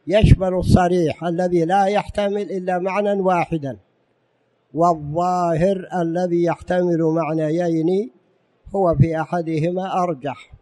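A man's voice: fairly high pitch, warm tone. A man giving an Islamic lecture as a religious teacher in formal standard Arabic, didactic, repeating key phrases and posing rhetorical questions.

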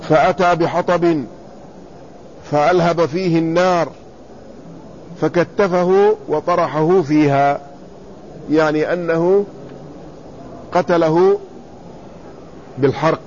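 A man teaching a lesson in classical Arabic, reading quoted commentary and then explaining it, repeating words slowly to spell out their vowels. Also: fairly high pitch, fairly even intonation, darkish tone. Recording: slightly dull lo-fi recording with faint room noise.

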